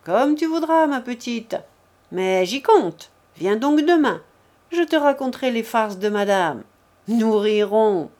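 A woman's voice: on the high side, animated, slow pace, darkish tone. A woman voicing a gossipy, mocking woman servant in an audiobook, in a brash, teasing manner.

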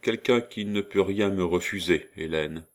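A man playing a deep-voiced earnest young nobleman. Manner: earnest, measured, solemn.

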